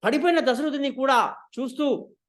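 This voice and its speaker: A man retelling an epic story in an animated way, acting out the dialogue. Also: very high voice, normal speed.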